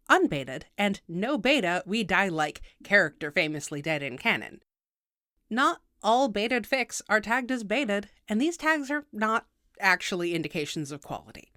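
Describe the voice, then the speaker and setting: Reading a scripted tutorial explainer, a woman speaks at medium pitch with a sharp tone, precise and instructional, throwing in wry remarks. The recording is dry and studio-clean.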